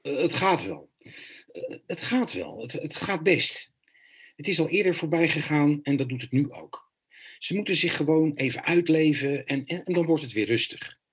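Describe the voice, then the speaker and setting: A man's voice: on the high side, animated, moderate pace, slightly rough. An actor playing an anxious, defensive male teacher and father near sixty who stammers. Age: about 60. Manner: hesitant, stammering.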